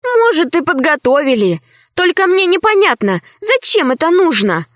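A woman's voice: very high-pitched, moderate pace, no echo, clean studio sound, pitched above the performer's own voice, full character voice. A woman doing a spirited young schoolgirl. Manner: lively, demanding. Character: bold, spirited schoolgirl heroine. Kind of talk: audiobook character voice.

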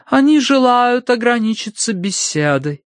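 A man voicing a theatrical, imperious woman spirit medium who speaks in slow, grave commands. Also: extremely high pitch, very animated, dry recording, studio quality, voice pushed up, heavily acted. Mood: solemn commanding.

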